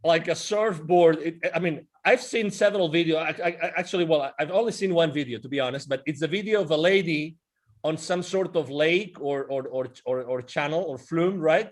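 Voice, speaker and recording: This host, a man in his forties, sounds a little high and moves briskly through a casual interview over video call. Eager and animated, he talks with his hands and keeps restarting his sentences. The call uses a wired earphone mic, and he sits indoors with a virtual backdrop behind him.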